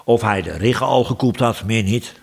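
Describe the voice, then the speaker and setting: A man voicing a sly, bluffing male dwarf in a storybook, speaking low, offhand and smug. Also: normal speed, creaky, breathy edge. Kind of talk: storybook reading.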